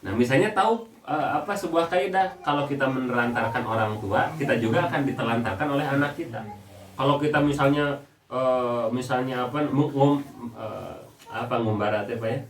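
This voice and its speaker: This young Islamic preacher, speaking Indonesian with a Sundanese accent at medium pitch and a little fast, gives a family-themed religious talk. He animates it with comic personal stories for the congregation. A far-off mic captures him in a reverberant hall amid background noise.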